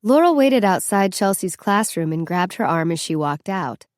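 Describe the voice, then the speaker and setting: A woman reading an audiobook chapter in steady, measured narration close to the mic. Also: fairly low pitch, dry recording. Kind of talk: scripted narration.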